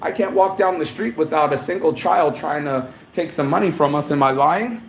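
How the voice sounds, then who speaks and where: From a hotel room, a man from New Orleans vlogs a live travel update, his voice on the high side and his pace normal. He rambles bluntly and swears, and the echoey room carries faint ambience plus a little hiss or hum.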